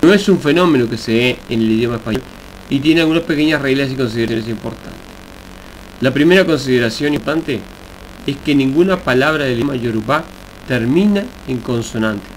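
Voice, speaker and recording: A man teaching a recorded Yoruba language lesson, explaining slowly and deliberately with examples. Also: medium pitch, poor audio. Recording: faint hiss and mains hum.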